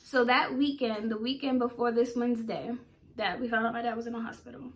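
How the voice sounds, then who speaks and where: Young woman, vlogger, somewhat high-pitched, casual personal storytelling, heartfelt, emotional. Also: fairly even intonation, a little fast.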